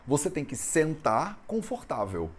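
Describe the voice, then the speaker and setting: Lively Brazilian man teaching a lesson. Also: on the high side, measured pace. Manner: conversational, frequent "né?" tag questions. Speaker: Ayurveda teacher. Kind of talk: explanatory lesson on Sanskrit texts.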